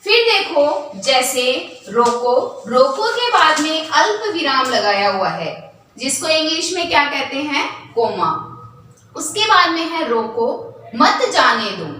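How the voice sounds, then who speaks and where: A woman's voice: high voice, big pitch swings, unhurried, pushed and bright. A woman teaching a lesson, asking questions and then answering them herself. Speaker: Hindi teacher. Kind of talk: classroom lesson. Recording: echoey room from far off, faint hiss.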